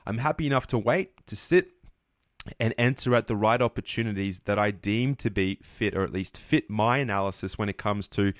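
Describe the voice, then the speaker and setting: A man's voice: on the low side, moderate pace, no room sound, clean studio sound. A man giving a market analysis lesson over charts, earnest, often restarting and correcting himself mid-sentence. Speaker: trading educator.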